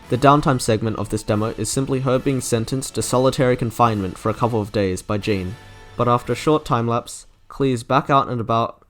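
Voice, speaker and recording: A man narrates a scripted review with enthusiasm, articulate and wordy like a video essayist, with music playing underneath. His voice is mid-range and a bit bright.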